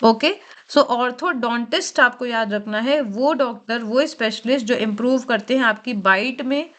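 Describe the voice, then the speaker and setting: A woman with a slightly high voice teaching word roots in an exam-prep lecture. She talks in Hindi full of English terms, says each key word twice, and keeps asking questions and answering them herself. The delivery is steady and explanatory. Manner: explains slowly, repeats key words, asks and answers own questions.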